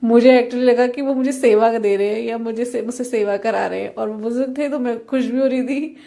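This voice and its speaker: A woman's voice: a little high, steady tone, a little fast, vocal fry, warm tone. A young woman earnestly sharing a devotional experience, speaking directly to her listeners. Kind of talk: devotional testimony.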